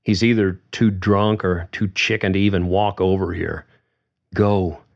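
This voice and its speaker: A man's voice: sits low, steady tone, measured pace, creaky, lo-fi sound, exaggerated voice. A man voicing an angry young woman who talks in a firm, clipped, seething way.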